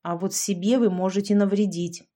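A woman voicing a coolly mocking young man who speaks with icy calm. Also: mid-range voice, normal speed, close to an everyday voice.

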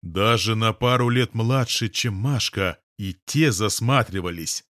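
Male narrator, low voice, steady first-person audiobook read, dry studio sound. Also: unhurried, no echo.

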